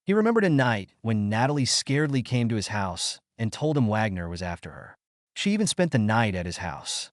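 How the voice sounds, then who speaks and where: A man reading a scripted documentary narration in a measured storytelling manner. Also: fairly low pitch, sing-song, dry recording, studio quality.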